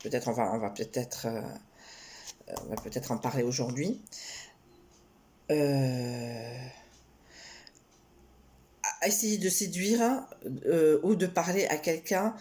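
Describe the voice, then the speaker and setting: A woman's voice: deep voice, takes it slowly, pauses often. Rambling, giggly French-speaking woman vlogger. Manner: rambling with frequent hesitations and restarts; giggly and animated when joking. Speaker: tarot card reader. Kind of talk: casual chatty tarot vlog.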